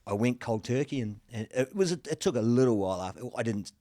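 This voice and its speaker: A man in his forties hosting a podcast, telling stories in a relaxed, casual way with frequent swearing. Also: medium pitch, fairly quick, dry recording, studio quality. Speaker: podcast host. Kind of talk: casual chat.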